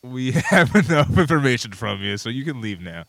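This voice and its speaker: Lively male comedy co-host. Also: medium pitch, normal speed, vocal fry, low-quality recording. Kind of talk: casual improvised comic chat.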